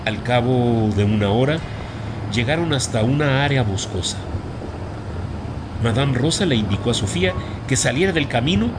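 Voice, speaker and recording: Male storyteller, medium pitch, measured dramatic narration, faint music under it. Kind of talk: scripted narration of a horror story.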